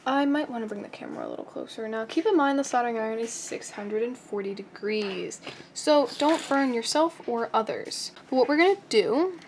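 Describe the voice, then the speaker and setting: High-pitched woman hosting a casual how-to, joking asides, reads instructions aloud, bench camera mic. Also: lively intonation, brisk, a little hiss or hum. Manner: chatty, self-mocking, jokey asides. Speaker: host. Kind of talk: casual soldering tutorial.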